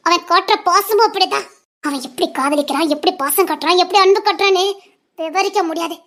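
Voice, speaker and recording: A woman's voice: very high voice, quick pace, fairly bright tone. A woman with a Tirunelveli accent playing a devoted young heroine in a dramatic serial, speaking with heartfelt, defiant conviction. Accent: Tirunelveli Tamil. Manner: defiant, then sorrowful and pleading.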